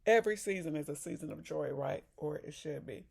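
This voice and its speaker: A woman's voice: deep voice, brisk, gravelly, a little mellow, husky. A woman from Chicago chatting casually in a vlog, talking while eating and sipping a drink. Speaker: vlogger. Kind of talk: casual chat.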